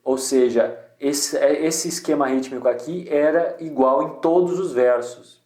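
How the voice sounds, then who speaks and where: A man's voice: fairly high pitch, unhurried, darkish tone, reverberant. A man giving a casual screen-share tutorial, thinking aloud with many restarts. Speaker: poetry channel host.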